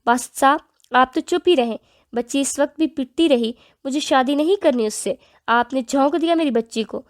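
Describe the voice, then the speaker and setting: A woman's voice: high-pitched, close to an everyday voice. Woman doing protective middle-aged mother, bitter, reproachful emotional tone, audio novel.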